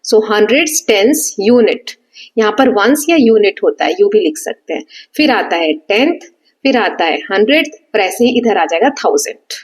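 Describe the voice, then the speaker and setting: Hindi-English teacher explaining fractions. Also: female voice, mid-range voice, expressive, moderate pace, husky. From India. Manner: explains step by step, often checks understanding; mixes Hindi with English terms. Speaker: maths teacher. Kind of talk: exam revision lesson at a whiteboard.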